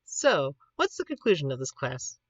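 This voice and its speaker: A woman from Pittsburgh, United States, with a matching accent, chats casually on a livestream, rambling as she teaches an informal class. Her voice is low-pitched and very animated at a normal speed, and the dry recording has its highs cut off.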